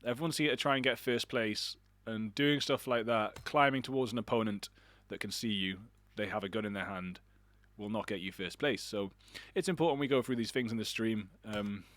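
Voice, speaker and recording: A man's voice: fairly low pitch, normal speed, few pauses, fairly bright tone, no room sound. A man casting an online shooter match alone, chatty and rambling, with self-deprecating asides. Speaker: esports caster. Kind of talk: solo game commentary.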